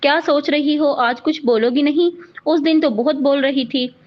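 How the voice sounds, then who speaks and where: A woman's voice: high voice, normal speed, close to an everyday voice. A woman reading the lines of a proud, vengeful young doctor in a cold, biting tone. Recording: dull lo-fi audio.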